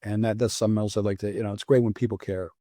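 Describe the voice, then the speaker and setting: An older American man, a guest author, answering interview questions in an earnest, reflective and halting way. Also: lowish voice, flat delivery, dark tone, no room sound, studio quality. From United States.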